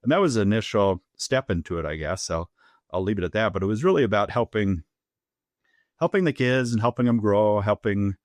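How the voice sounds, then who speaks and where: A man's voice: lowish voice, animated, fairly quick, no room sound, clean studio sound. A man in his fifties from Minnesota with a Minnesotan accent, a school superintendent chatting easily as an interview guest, joking and often restarting his sentences. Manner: easygoing and joking, with frequent restarts. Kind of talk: casual interview chat.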